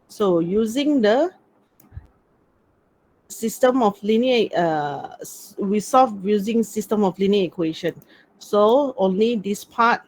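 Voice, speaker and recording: Over poor audio from a computer video-call mic, a woman lecturer with a Malaysian accent gives an informal university class online. Her mid-range, darkish voice delivers colloquial Malaysian English mixed with Malay and particles like "lah."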